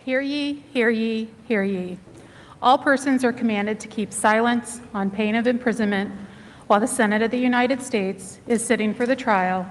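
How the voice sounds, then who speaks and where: A woman's voice: fairly high pitch, normal speed. A woman delivering a formal proclamation in a grand, declamatory manner. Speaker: Senate sergeant at arms. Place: large legislative chamber. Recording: echoey hall, clear background noise.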